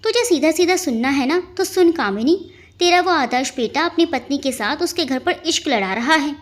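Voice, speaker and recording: A woman's voice: high-pitched, lively intonation, moderate pace. A woman voicing a scheming, gossiping middle-aged neighbor who taunts and mocks in a storybook reading. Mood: taunting. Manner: taunting, mocking.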